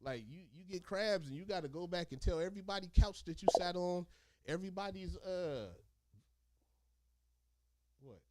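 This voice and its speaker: A man telling stories casually in animated, profane street slang, talking like a streetwise former inmate. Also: high voice, moderate pace, pauses often, a little hiss or hum. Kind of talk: casual storytelling chat.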